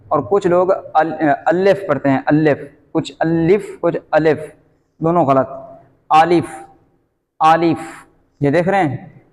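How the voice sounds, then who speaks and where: A man with a Pakistani Urdu accent gives a slow beginner's lesson, drawing out each letter sound and calling it out loudly. His voice sits slightly high. The recording rings with a long, hall-like reverb. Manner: patient, repeats letter sounds slowly and loudly. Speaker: Quran reading teacher.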